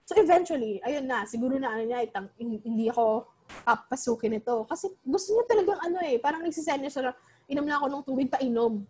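Young woman, casual storyteller, high lively voice, Filipino-English mix. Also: fast, slightly rough. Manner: animated, Taglish code-switching, many fillers.

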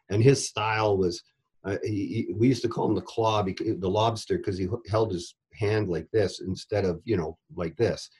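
In a casual interview, a middle-aged former goalie coach rambles through his stories, repeating words whenever he restarts a sentence. His husky voice is fairly low, with a darkish tone.

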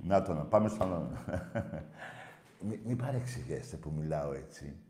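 A man's voice: extremely low pitch, animated, warm tone, echoey room. A man hosting a casual phone-in show, talking in a brash, profane way. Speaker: call-in show host.

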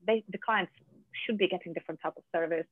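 A guest from Czechia with a Czech accent and Czech as a first language, speaking in a halting way with many fillers and restarts in a conversational interview. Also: medium pitch, no room sound. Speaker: podcast guest, business founder. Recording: dry, tinny phone line.

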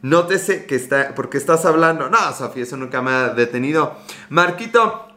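Faint music plays behind a man hosting a casual livestream in an echoey room; he has a Mexican Spanish accent and a slightly sore throat. His fairly high voice is animated and sharp, at normal speed. He chats freely, jokes, digresses, and greets viewers by name.

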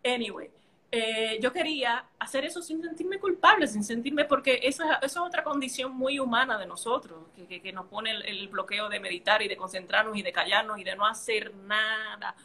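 A woman's voice: a little high, sharp tone. A woman telling a personal story in casual conversation, emotional and vivid, filling gaps with playful sounds. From a Caribbean island. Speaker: podcast conversation partner. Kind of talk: casual chat.

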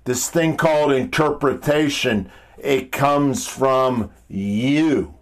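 A man with a deep, powerful voice delivers an informal motivational monologue full of rhetorical questions. He speaks bluntly and emphatically, in a halting way, and often repeats himself.

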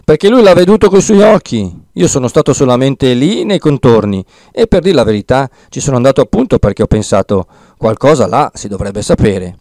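A man's voice: mid-range voice, expressive, brisk, few pauses, mellow, no echo, natural voice. A man voicing an earnest, determined young village man who sounds eager and insistent in an audiobook reading.

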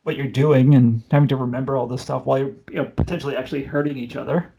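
A man's voice: mid-range voice, steady tone, fast, gravelly, dark tone. A man hosting a podcast in casual chat, joking and rambling with side notes. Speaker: podcast host.

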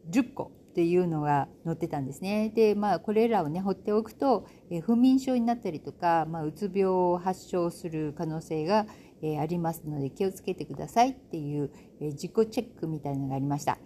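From her home in Bali, a middle-aged woman hosts a casual solo podcast, chatty and self-amused with lots of fillers. Her voice is fairly low-pitched with a dark tone, and she talks briskly with few pauses. There's a little hiss or hum.

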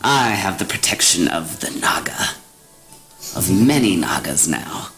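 A man's voice: deep voice, animated, a little slow, a bit bright, faint music behind, pitched below the performer's own voice, heavily acted. A man voicing a scheming old hag who mocks and threatens, with cackling laughs. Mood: mocking. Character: scheming old female hag, mocking and menacing.

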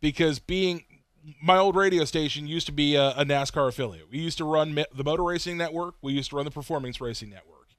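A man co-hosting a casual racing podcast, an animated storyteller who acts out quotes. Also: fairly high pitch, fast talker, dry recording. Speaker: podcast co-host. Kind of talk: casual chat.

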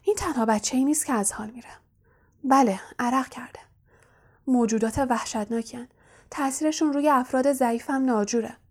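A woman's voice: sits high, darkish tone. A woman voicing a fussy female school nurse who mutters and frets over a patient in an audiobook. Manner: fussing, muttering.

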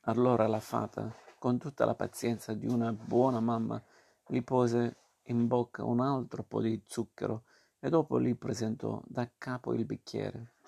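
Gravelly male storybook narrator. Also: medium pitch, little pitch movement, measured pace, mellow. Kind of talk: storybook reading.

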